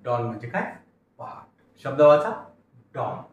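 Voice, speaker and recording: A man's voice: mid-range voice, very animated, measured pace, muffled recording, a little hiss or hum. A man teaching English word reading, patiently asking questions and answering them himself in call-and-repeat drills. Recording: very echoey room, mic at a distance.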